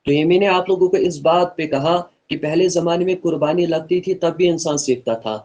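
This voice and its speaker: Teaching tajweed online, a slightly high-voiced man explains every pronunciation rule with earnest care, going over his points again for his students. Afterward he slowly and melodically recites the verses as a model. His voice is a little mellow and the audio is dull.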